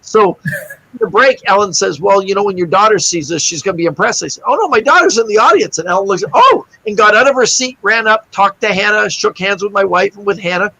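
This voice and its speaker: A man's voice: high-pitched, quick pace, vocal fry, husky, no room sound, rough recording. A middle-aged man, a guest magician, telling a story in a casual interview and acting out the other people's lines. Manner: animated anecdote-teller, acts out quoted voices.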